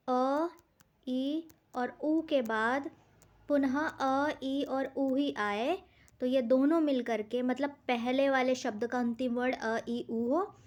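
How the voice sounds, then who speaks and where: Woman teacher, high voice, slow and deliberate delivery; asks her own questions and answers them while working through exam-prep grammar. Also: a little mellow. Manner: says words and examples slowly and deliberately.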